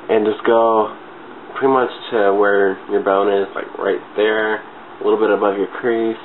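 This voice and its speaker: Speaking at a measured pace in a level, lowish voice, a man with a cold chats casually through a makeup tutorial, stuffy and congested. He's giggly, informal, and a little rambling, and the webcam-style audio is muffled and phone-like with clear noise.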